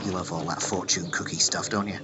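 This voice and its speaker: A man's voice: sits low, steady tone, a little fast, heavy background noise, close to an everyday voice. A man acting a whimsical, boastful time traveller in a playful, wisecracking, theatrical radio drama style. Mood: teasing, boastful.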